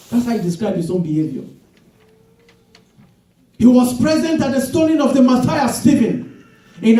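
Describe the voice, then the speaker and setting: A male pastor preaching a sermon, swinging between loud shouted emphasis and slow drawn-out phrases. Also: very high voice. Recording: echoey room from a distance.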